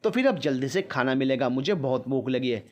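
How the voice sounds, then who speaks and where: A man voicing a quick-tempered young husband who coaxes his wife. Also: medium pitch, expressive, a little mellow, lightly acted. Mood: coaxing. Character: young husband, hot-tempered then apologetic.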